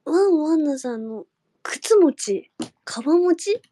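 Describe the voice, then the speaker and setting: A young woman chatting casually with fans on a livestream, giggling and dropping into soft murmurs and whispers. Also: high voice, expressive, unhurried. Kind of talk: casual chat.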